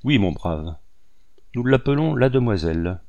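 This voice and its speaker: A man reading a gruff surly old sergeant. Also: mid-range voice, animated, moderate pace, warm tone, highs cut off. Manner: surly, blunt.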